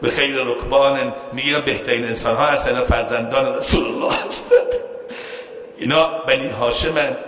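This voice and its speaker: A man's voice: medium pitch, steady tone, a bit bright. Man preaching in an echoey hall. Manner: storytelling with quoted dialogue and chanted verse, rising emphasis. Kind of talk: sermon storytelling.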